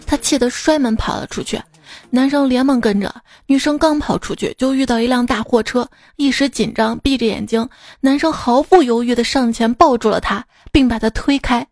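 Recorded close to the mic with no room sound, a woman reads jokes on her podcast, spinning brief humorous stories and chuckling at them herself. Her slightly high, slightly mellow voice keeps a moderate pace.

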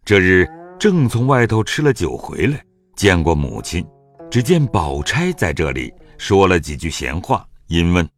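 Male narrator, low and expressive, for an audio drama. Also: a little slow, soft background music.

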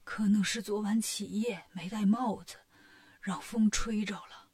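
A woman voicing a sick, weak monk master who speaks in a faint, breathy half-whisper. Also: a little high, moderate pace, a little mellow, lightly acted. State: ill and feverish.

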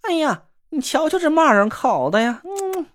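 A man's voice: very high voice, big pitch swings, moderate pace, no echo, studio quality, voice pushed up. A man voicing an impatient, hungry young woman adventurer who answers curtly. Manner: curt, impatient.

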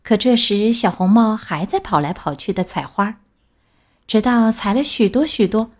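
Expressive woman reading a fairy tale. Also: mid-range voice, moderate pace. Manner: gentle, expressive. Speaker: storyteller. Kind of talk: children's story reading.

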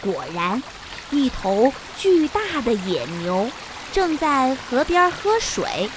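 A woman narrating a children's story in an expressive, sing-song manner. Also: high-pitched, slow pace, noisy background.

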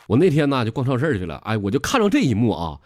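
A man's voice: mid-range voice, huge pitch swings, quick pace. A man with a Northeastern Mandarin accent hosting a comedy podcast, telling jokes in a rowdy, mock-lecturing way and laughing at his own punchlines. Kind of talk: comic storytelling in dialect.

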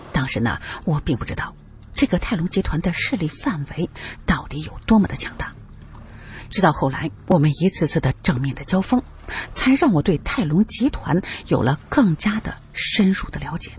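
A man's voice: fairly high pitch, darkish tone, a little hiss or hum. A male narrator telling a first-person adventure story in a dramatic, colloquial way.

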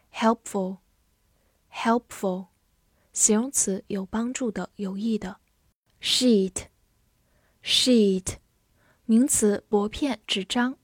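A woman teacher with a slightly high voice teaches vocabulary at a very slow, deliberate pace. She says each word twice, carefully and clearly. The close recording sounds dry, with no room behind it. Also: warm tone, dry recording. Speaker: English teacher. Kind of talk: scripted vocabulary lesson.

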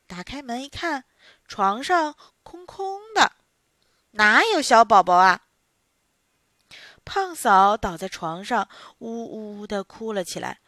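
Female storyteller, bedtime story, sing-song, bright tone, lively pitch, dry close sound. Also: no room sound. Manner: expressive, sing-song, drawn-out particles. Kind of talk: children's bedtime story narration.

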